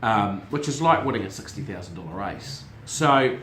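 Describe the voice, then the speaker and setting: This middle-aged man, a syndicate manager hosting a relaxed family horse-racing chat show, is expressive and talkative, often repeating words while he looks for the right one. He speaks at normal speed with a fairly low pitch and fairly bright tone, amid slight background noise and roomy echo.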